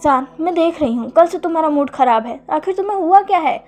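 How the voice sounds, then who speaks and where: A woman's voice: high voice, expressive, a little fast, a little mellow, faint music behind. A woman voicing a caring older sister who coaxes and insists with her younger brother. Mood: insistent. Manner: coaxing, insistent.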